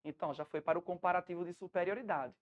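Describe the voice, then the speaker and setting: Brazilian teacher, female, low-set voice, patient step-by-step explainer, slightly muffled lo-fi recording. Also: racing. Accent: Brazilian Portuguese. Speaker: English teacher. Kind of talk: remote classroom lesson.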